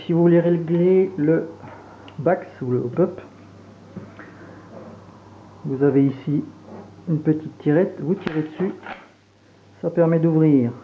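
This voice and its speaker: A man from Franche-Comté with a regional French accent, casually unboxing and demonstrating gear as a reviewer, hesitant and full of fillers. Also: a little high. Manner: relaxed, hesitant, many fillers while handling gear. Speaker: airsoft reviewer. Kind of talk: casual product unboxing and demo. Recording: tinny phone-like sound, faint hiss.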